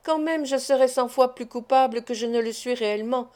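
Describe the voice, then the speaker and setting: A woman's voice: on the high side, fairly quick, a little mellow, lightly acted. Woman voicing a desperate pleading lover. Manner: pleading, imploring. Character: desperate young woman in love.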